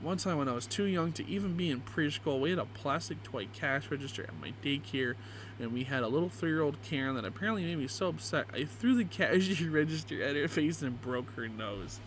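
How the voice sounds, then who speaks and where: A man's voice: fairly high pitch, lively intonation, fairly quick, fairly bright tone, low-quality recording. Gleeful young man reading aloud over noise. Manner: crude, joking, swearing. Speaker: YouTube creator reading confessions. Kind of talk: casual reaction commentary, reading aloud.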